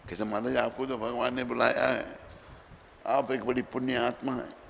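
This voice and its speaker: Gravelly male preacher in a reverberant hall. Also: mid-range voice, little pitch movement, normal speed. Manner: dramatic storytelling, acting out dialogue with sudden loud and soft turns. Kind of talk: Hindi sermon storytelling. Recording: reverberant hall with faint background noise.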